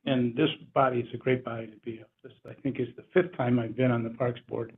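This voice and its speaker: A man with a mid-range voice introduces himself in a relaxed, anecdotal way at a meeting. The sound is phone-like, with faint noise. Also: mid-range voice, fast talker. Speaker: board member and running coach.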